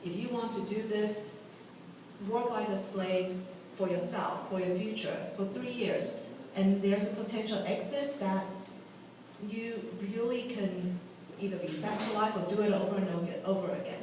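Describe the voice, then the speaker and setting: A woman's voice: medium pitch, fairly even intonation, normal speed, background noise. A woman from Taiwan and Gambia, a venture capital partner giving a candid talk to a live audience, laughing at her own asides. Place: meeting room at a tech club. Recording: echoey room, mic far off.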